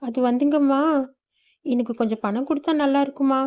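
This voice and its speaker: A weary cartoon mother who works as a maid, as a woman voices her. She talks earnestly and soothingly in a fairly high voice, on a slightly dull recording. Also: fairly even intonation, a little fast, dark tone, natural voice. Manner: earnest, reasoning and reassuring. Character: poor weary mother, a housemaid.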